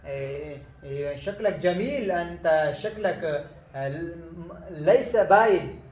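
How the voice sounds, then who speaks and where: A man whose first language is Pashto teaches a relaxed spoken lesson, often pausing and restarting his sentences. His voice sits fairly high for a man. The recording sounds echoey, as if made in a bare room. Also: a little hiss or hum. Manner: halting, many fillers and restarts.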